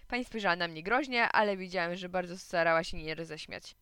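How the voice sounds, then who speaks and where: A woman's voice: lowish voice, quick pace, sharp tone, clean tone, no echo, studio quality. A woman reading a children's story aloud, narrating expressively in first person as a young boy.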